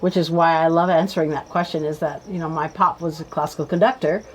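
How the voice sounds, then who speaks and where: A woman's voice: sits low, steady tone, fast, slight background noise, rough recording. A woman guest musician chatting casually and laughing easily. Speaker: guest violinist. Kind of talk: casual chat.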